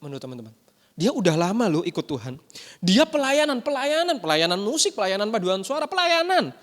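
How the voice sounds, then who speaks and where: A young man preaching a youth sermon, asking the listeners questions and telling stories in a lively way. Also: high voice, brisk. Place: church hall. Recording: hall reverb.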